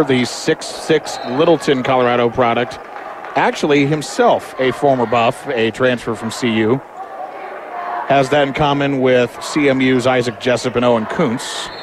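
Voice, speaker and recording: A man commentates live on a basketball game, play by play. His voice sits at an average male pitch. The noise of the gym, with a bouncing ball, is clearly heard behind him. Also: steady tone, normal speed.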